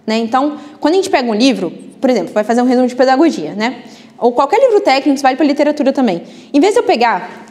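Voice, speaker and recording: A woman's voice: high-pitched, a little mellow. A woman teaching a live book club class in a chatty way, often adding tag questions. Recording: reverberant classroom.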